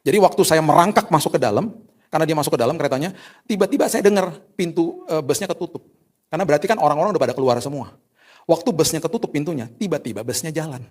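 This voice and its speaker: Male pastor, quick lively preacher acting out little scenes. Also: on the high side. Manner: animated, colloquial Jakarta-style slang, acts out dialogue. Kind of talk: sermon with personal stories.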